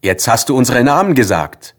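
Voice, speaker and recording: A man's voice: medium pitch, very animated, normal speed, voice pushed up. A man doing two cheeky talking letters. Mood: teasing.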